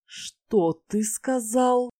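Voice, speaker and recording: A woman voicing a hot-tempered, dramatic dragoness mother in an audiobook. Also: drawn-out words. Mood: stunned. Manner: shrill, shouting, melodramatic. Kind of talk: audiobook character voice.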